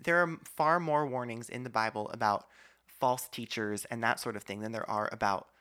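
A man's voice: mid-range voice, moderate pace, pushed and bright. A man hosting a casual podcast conversation, talkative and argumentative, with many asides. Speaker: podcast host.

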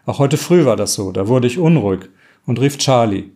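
A man voicing a worried middle-aged mother who speaks haltingly, pausing to swallow between sentences. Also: mid-range voice, expressive, dark tone, lightly acted. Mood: grave.

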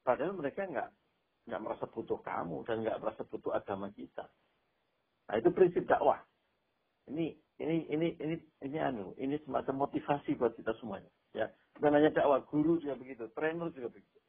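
A male Islamic preacher giving a casual Quran commentary lesson over an online call, animated and explaining through spoken examples and repetition, with a tinny phone-line sound. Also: medium pitch, fast talker, creaky, slightly rough.

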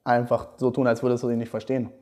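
A young man hosting a podcast, telling stories in a casual, slangy, animated way. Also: mid-range voice, fast talker. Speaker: podcast host. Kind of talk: casual storytelling chat.

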